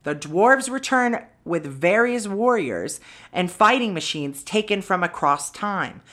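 A woman's voice: mid-range voice, expressive, unhurried, fairly bright tone. A woman co-hosting a podcast, casually recapping a film's plot, swearing freely and adding wry asides. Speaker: podcast co-host.

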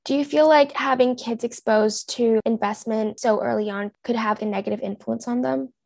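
Woman interviewer, fairly high voice with vocal fry, dry close sound. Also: steady tone, normal speed, darkish tone, no echo. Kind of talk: reading interview questions.

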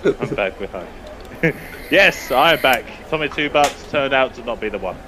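Playful man with a lively, swinging pitch. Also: normal speed, noisy background. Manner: playful, jokey. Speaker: tabletop game player. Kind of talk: casual, joking game banter.

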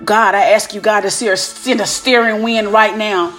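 With music playing behind her, a preacher prays aloud in a fervent, commanding way, repeatedly invoking God between phrases. She has a medium-pitched, slightly bright voice, fairly even intonation, and a moderate pace.

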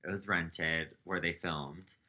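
A man's voice: low voice, fairly even intonation, slow, sharp tone, husky. A man co-hosting a podcast, recounting celebrity gossip in casual chat, laughing and saying "um" as he goes. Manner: laughs while telling, trails off with "um". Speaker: podcast co-host.

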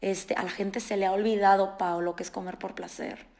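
A woman nutritionist with a mid-range voice explains things at a moderate pace in a casual podcast conversation. She's animated and explanatory, acting out the words of her patients.

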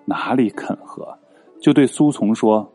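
Warm, husky father telling stories. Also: on the low side, measured pace. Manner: expressive, animated. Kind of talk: children's history storytelling. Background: faint guitar music.

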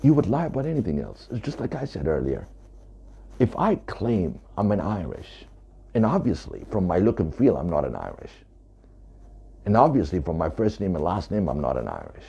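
Very deep gravelly man, emphatic. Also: wildly swooping pitch, normal speed, dark tone, lo-fi sound. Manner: emphatic, repeating points. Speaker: author. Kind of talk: talking to camera about his book.

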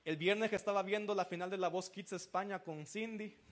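Man, pastor; lively sermon storyteller, unusually high pitch. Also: brisk. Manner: animated storytelling, acting out quoted voices.

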